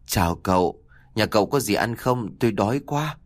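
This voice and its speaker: A man's voice: lowish voice, expressive, normal speed, no room sound, lightly acted. Man doing a hungry old woman beggar, thin pleading voice.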